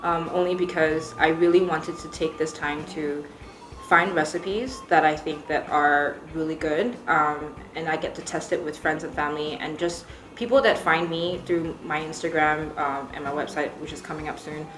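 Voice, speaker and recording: Her voice is low, steady, and a bit bright, moving at normal speed. She's a young baker from Singapore with an American accent, fielding interview questions in a chatty manner full of ums and easy laughter. Music plays in the echoey room.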